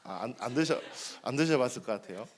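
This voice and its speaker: Male pastor, 30s, animated sermon delivery, frequent rhetorical questions to the pews. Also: medium pitch, fast talker, a crowd in the background. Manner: lively, asks the congregation questions and answers them. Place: church sanctuary.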